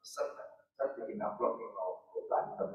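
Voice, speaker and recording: A man giving a casual, chatty sermon in a mosque, often addressing listeners directly as "Pak". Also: moderate pace. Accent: Indonesian. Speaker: preacher. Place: mosque hall. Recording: echoey hall, distant dull mic.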